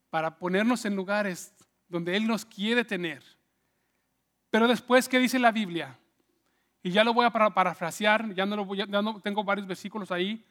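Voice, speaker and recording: A man's voice: sits high, fairly bright tone. A man preaching a sermon conversationally, checking in with "¿sí?" and acting out the people he quotes. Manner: conversational, asks "¿sí?" often, acts out quotes. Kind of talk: sermon storytelling.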